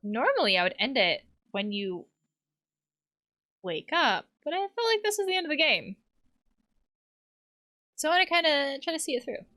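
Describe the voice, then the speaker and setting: A woman who works as a counselor, playing a video game and chatting reflectively as she reads the game text aloud with soft laughs. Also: high-pitched, big pitch swings, moderate pace, long pauses. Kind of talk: let's play commentary.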